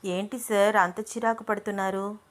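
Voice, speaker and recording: A woman voicing a jealous, quick-tempered young woman in love, speaking sharply in a raised voice in a storybook reading. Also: steady tone, natural voice. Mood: pleading. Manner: sharp, indignant, raised pitch.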